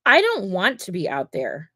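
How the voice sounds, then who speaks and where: A woman's voice: medium pitch, wildly swooping pitch, moderate pace, pushed and bright, no room sound, clean studio sound. A woman mosaic artist hosting a livestream, chatting casually and rambling to viewers while she works. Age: adult. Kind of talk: casual chat while crafting.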